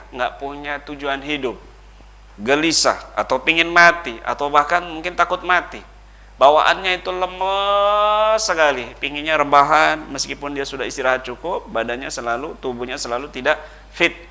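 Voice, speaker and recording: A man's voice: mid-range voice, pushed and bright. A man giving a religious lecture, emphatic in his delivery, with frequent "ya" and "eh" fillers. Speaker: Islamic teacher.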